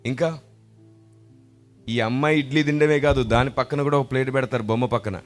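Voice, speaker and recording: A male pastor of middling pitch delivers a sermon full of stories, leaning hard on emphasis and swelling to loud exclamations. He acts out the voices of people in his stories as he goes. Faint music runs underneath him. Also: fairly even intonation, fairly quick. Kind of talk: sermon with storytelling.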